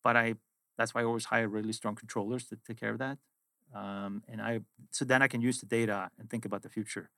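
A middle-aged Swedish finance executive, Swedish being his native language and his accent Swedish, guests on a casual interview chat and tells reflective stories about his work. He speaks fairly quickly in a fairly low, bright, forceful voice with little pitch movement, and there's no echo.

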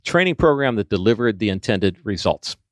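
A man's voice: on the low side, big pitch swings, fairly quick, no room sound. A middle-aged man who works as a training consultant, telling workplace stories in a conversational interview.

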